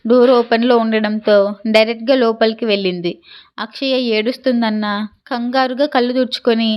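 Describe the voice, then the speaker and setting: A woman narrating a romantic drama story in a steady, measured storytelling manner. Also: fairly high pitch, clean tone.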